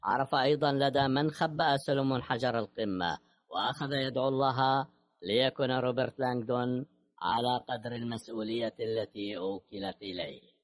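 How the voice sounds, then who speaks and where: A man narrating an audiobook novel in a steady, measured reading voice. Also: mid-range voice, dry recording, studio quality. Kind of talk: scripted narration.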